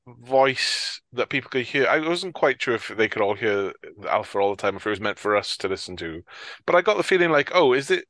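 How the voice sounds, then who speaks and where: A man chats about a film in a loose, rambling way, cursing easily and often dropping a thought halfway through. His voice sits at a middle pitch. The recording is close and dry. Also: a bit bright, no room sound. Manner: rambling, swears freely, trails off mid-sentence. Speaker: podcast co-host. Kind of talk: casual film discussion.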